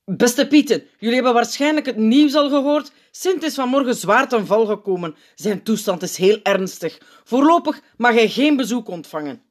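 A woman puts on a bossy head elf who barks his orders in a raised, lively voice that keeps jumping around. He is stern and short-tempered, an audiobook leader who commands the room. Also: on the high side, normal speed, pitched above the performer's own voice. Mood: solemn. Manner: loud, commanding, irritable. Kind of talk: audiobook character reading.

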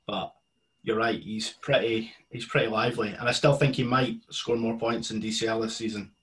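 A man's voice: lowish voice, steady tone, normal speed, a bit bright, poor audio. A man chatting informally and matily about football as a podcast co-host. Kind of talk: casual football chat.

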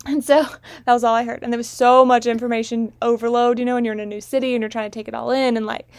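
Youngish woman chatting casually, slightly high voice, really dry recording, tells stories like a host with a friend. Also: level tone, fast, dry recording. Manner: chatty, anecdotal storytelling with frequent small laughs. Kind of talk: casual chat.

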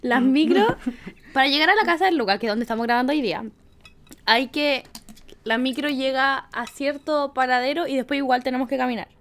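A woman's voice: high-pitched, fairly quick, a bit bright. A young Chilean woman co-hosting a podcast, explaining events in detail in casual chat. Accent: Chilean Spanish. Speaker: podcast co-host.

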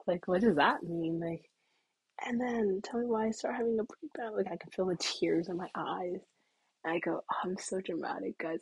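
A woman's voice: on the low side, breathy edge, dry recording, low-quality recording. A young woman telling a casual story to camera, chatty and full of "like", sometimes dropping into whispers. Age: young adult. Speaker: vlogger.

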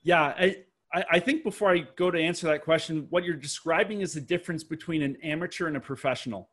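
A Canadian man in his thirties tells his story as a podcast guest, giving casual interview answers full of restarts and analogies. His voice is a little high, a bit bright and husky, and he talks fast.

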